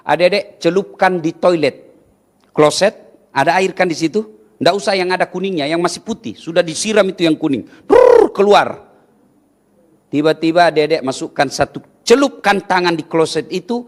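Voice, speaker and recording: A male preacher delivers a humorous sermon with a fairly high voice that swings widely in pitch. He tells stories in an animated way and acts out the dialogues as he goes.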